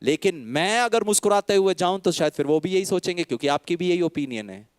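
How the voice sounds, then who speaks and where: A man's voice: high-pitched, animated, brisk, smooth, no room sound, studio quality. A man with an Indian accent giving a spiritual talk, mixing Hindi and English, asking mocking rhetorical questions and acting out the people he quotes. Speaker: spiritual speaker.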